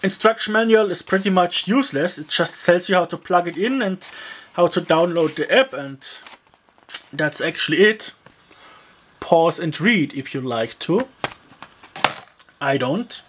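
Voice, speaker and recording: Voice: mid-range voice, unhurried, pauses often, a little hiss or hum. A person taking apart and reviewing a cheap gadget in casual, rambling commentary, full of fillers and grumbling asides. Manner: frequent fillers like yeah and uh. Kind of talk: casual product teardown commentary.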